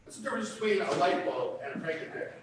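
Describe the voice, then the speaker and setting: Guy doing a slow deadpan joke guy, high swingy voice, far away echoey stage sound. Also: background noise. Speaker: stage actor telling bar jokes. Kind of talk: live stage comedy acting. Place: theater stage.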